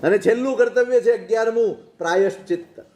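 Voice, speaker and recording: High-pitched guy giving a sermon, keeps throwing out rhetorical questions and telling little stories, echoey room. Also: brisk, warm tone, a little hiss or hum. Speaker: Jain monk preacher. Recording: roomy echoing recording.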